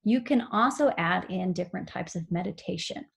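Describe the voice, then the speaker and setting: A woman giving a recorded seminar on mindful running, explaining calmly with frequent fillers. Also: lowish voice, brisk, gravelly, husky. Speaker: running instructor.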